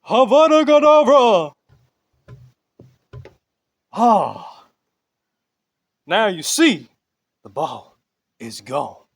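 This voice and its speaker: Man voicing a high, showy puppet magician. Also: sing-song, extremely slow, creaky, long pauses, husky, no echo, full character voice. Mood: showy, upbeat. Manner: theatrical, exclamatory patter. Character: showy, chatty male puppet stage magician. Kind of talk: puppet talent show act.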